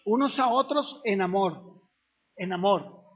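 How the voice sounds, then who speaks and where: A man's voice: sits high, expressive, slow pace, husky. A man, a pastor preaching a sermon in a conversational way, often asking the congregation questions. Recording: dull lo-fi recording.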